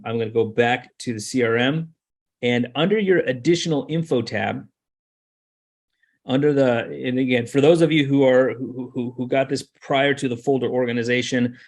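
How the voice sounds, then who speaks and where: In this relaxed screen-share lesson, a male software trainer walks through each step, explaining things and saying key points twice for emphasis. His pitch is medium.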